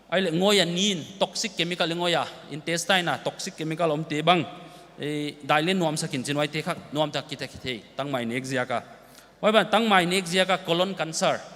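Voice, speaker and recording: Man, high-pitched, explanatory festival talk in a big reverberant hall. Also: fairly bright tone. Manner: explanatory, lists nutrients and terms. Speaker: festival speaker. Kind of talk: informational talk. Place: large hall.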